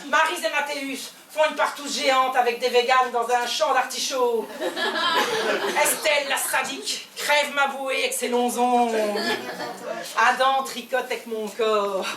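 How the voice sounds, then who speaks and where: A woman with a Belgian French accent performing a theatrical stand-up monologue on stage, swinging between loud outbursts and hushed asides. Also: sits high, fairly even intonation, a little slow, a crowd in the background. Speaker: comedian. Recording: echoey hall, voice from far off, faint ambience.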